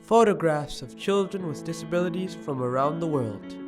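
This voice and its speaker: A man's voice: fairly high pitch, animated, normal speed, music in the background. A man reading audio description in a neutral, plain way.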